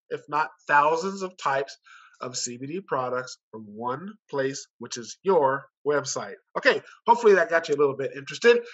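A company director makes an informal, persuasive sales pitch at an online conference, speaking over a video call with dull, muffled audio. His voice is a little high and sharp, and he keeps it conversational, leaning on rhetorical questions.

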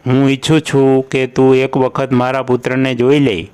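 A man's voice: mid-range voice, level tone, normal speed, darkish tone, clean tone, close to an everyday voice. A man voicing a worried middle-aged priest father in a storybook tale, speaking earnestly and at times in exasperation.

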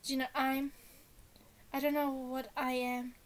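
A panicked, ashamed young woman, as a woman reads her texts aloud in a text story. the voice is high and stays fairly level, with each message read plainly. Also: little pitch movement, unhurried, poor audio. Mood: distressed.

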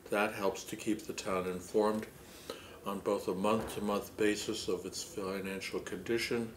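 A middle-aged man speaking as a public access TV host, presenting an informational report in a formal, measured, official way. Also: lowish voice. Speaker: town administrator hosting a public access TV report. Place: indoor wood-paneled meeting room, seated at a table. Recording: roomy echo with clear background noise.

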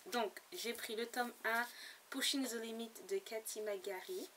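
Recorded on a slightly distant mic with faint background noise, a book blogger's casual haul vlog features her hesitant chatter about books she bought, full of fillers and restarts. She speaks on the high side, at a measured pace, in a fairly bright tone.

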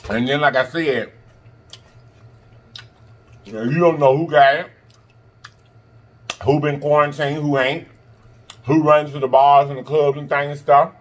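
A man with a somewhat high, husky voice talks casually while eating crunchy fried chicken. He is sassy and emphatic, repeating himself for effect and humming between bites. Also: steady tone, measured pace, pauses often. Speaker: mukbang host. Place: indoors in front of a green backdrop at a table of food.

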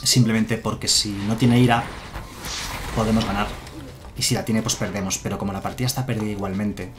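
A man's voice: on the low side, fairly even intonation, brisk, noisy background. A man with a Spanish accent from Spain, casually commenting a game on a live stream and answering his chat. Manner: chatty, answers chat, muses aloud. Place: home room with a chair.

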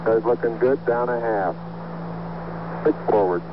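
A man's voice: medium pitch, a little slow. A man, an astronaut, giving terse, clipped flight callouts over crackly, breaking-up space radio. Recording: noisy lo-fi archive space radio.

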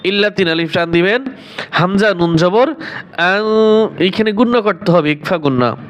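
Step by step, a man teaches how to pronounce the Quran, his voice high and a bit bright. Between brief explanations, he chants every phrase slowly and at length.

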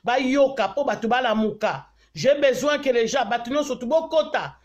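A woman's voice: sits high, normal speed. A Congolese woman vlogger ranting angrily on a live stream, mixing French with her native tongue and pleading repeatedly for viewers to share. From Congo (DRC). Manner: angry, repetitive pleading to share. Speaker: diaspora vlogger.

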